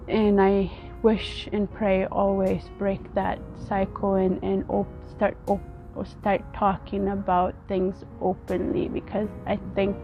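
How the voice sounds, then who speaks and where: A woman from Ethiopia, vlogging outdoors in an earnest, halting way and often repeating her words. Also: medium pitch, gravelly, lo-fi sound. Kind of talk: casual personal vlog talk.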